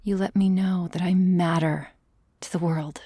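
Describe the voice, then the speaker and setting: A woman playing an obsessive, possessive young woman who holds a man captive, talking in a soft, menacing, profane whisper for an audio roleplay. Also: fairly low pitch, steady tone, measured pace, slightly rough, no room sound, clean studio sound. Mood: tender, obsessive. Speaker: voice actor.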